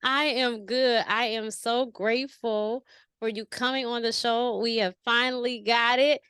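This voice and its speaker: A woman's voice: on the high side, fairly even intonation, unhurried, fairly bright tone, smooth, no room sound, clean studio sound. A woman hosting a spiritual podcast, chatting casually with a guest, laughing and rambling with restarts. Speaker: podcast host. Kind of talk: casual interview chat.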